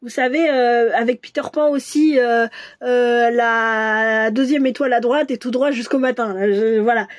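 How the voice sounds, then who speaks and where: A woman doing a casual tarot reading for viewers, musing and hesitant, with many restarts and soft asides. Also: fairly high pitch, fairly even intonation, moderate pace. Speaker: tarot reader.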